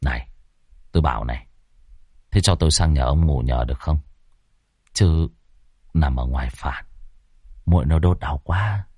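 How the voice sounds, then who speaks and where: A man voicing a blunt young ghost-hunter who talks gruffly and grumbles. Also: lowish voice, very animated, normal speed, pauses often, a bit bright, dry recording, clean studio sound.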